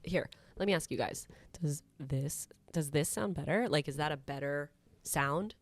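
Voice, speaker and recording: A woman's voice: deep voice, moderate pace, no echo. A woman in her thirties co-hosting a podcast, talking casually and laughing often. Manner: animated and laughing, fiddling with the recording settings. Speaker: podcast co-host, company founder. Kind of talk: casual chat.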